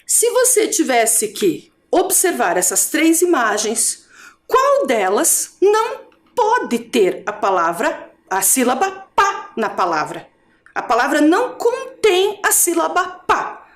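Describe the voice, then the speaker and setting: A woman teacher with a Brazilian Portuguese accent from Curitiba, giving an adult education video lesson, drawing out syllables slowly and asking the viewer questions. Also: sits high, wildly swooping pitch. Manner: slow, drawn-out syllables for drilling.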